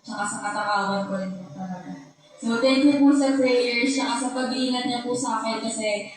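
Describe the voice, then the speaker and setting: A young woman gives a gentle, courteous testimony at a worship service. Her voice sits a little high. It carries from far off through a very echoey hall. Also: steady tone, normal speed, faint music behind. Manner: polite, soft-spoken, honorific po. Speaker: church member giving testimony. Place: church hall.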